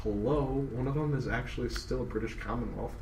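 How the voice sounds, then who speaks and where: A man's voice: medium pitch, fairly quick, darkish tone, recorded from a distance, slight background noise. A teenage boy from Wisconsin chatting bluntly and rambling in a casual talk. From Wisconsin, USA. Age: teens. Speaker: YouTube gamer. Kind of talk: casual chat. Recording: roomy, off-mic with faint crowd.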